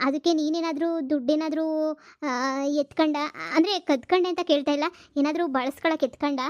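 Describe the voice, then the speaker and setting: A woman voicing a stern, hard-up young husband who works as a delivery man, scolding fast in a cartoon comedy. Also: sits high, fairly even intonation, no room sound, lo-fi sound, lightly acted. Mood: puzzled. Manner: scolding, lecturing, fast and insistent.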